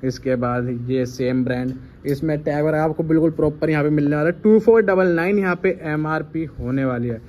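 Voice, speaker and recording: A man's voice: fairly high pitch, brisk, few pauses, mellow. A man vlogging a clothing shop in an enthusiastic, salesman-like promotional style, repeating prices and catchphrases. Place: indoors in a small clothing shop. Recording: noisy shop ambience.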